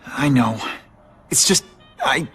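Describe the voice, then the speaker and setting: A man acting an earnest young American superhero, guilt-ridden but quick to wisecrack, in a naturalistic game performance. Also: mid-range voice, lively intonation, a bit bright, slightly rough, soft background music, full character voice. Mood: troubled. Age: young adult.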